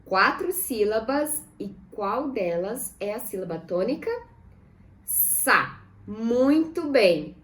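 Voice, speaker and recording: A Brazilian woman teaching a lesson for children, speaking slowly and drawing words out syllable by syllable while asking her pupils questions. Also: on the high side, expressive. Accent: Brazilian Portuguese.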